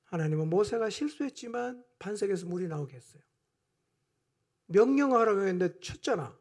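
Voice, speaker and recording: Impassioned high-voiced male preacher. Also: animated, fairly quick. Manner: impassioned preaching, swinging between hushed asides and loud emphatic outbursts. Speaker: pastor. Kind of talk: sermon. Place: church.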